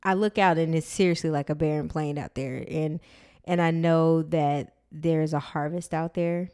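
Woman, low voice, soothing, laid-back, podcast co-host, casual chat. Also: steady tone, normal speed, warm tone, clear, resonant tone.

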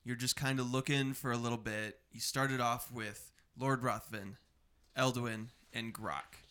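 A man's voice: mid-range voice, fairly even intonation, unhurried, bright, forceful tone, clean tone. A man hosting a tabletop role-playing show and recapping the adventure as game master.

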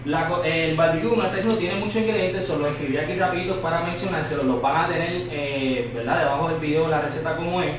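A man's voice: on the high side, fast talker, hardly any pauses. A man with a Puerto Rican accent giving a conversational cooking demonstration as a chef, instructive and repeating key points for emphasis. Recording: echoey room, far mic, background noise.

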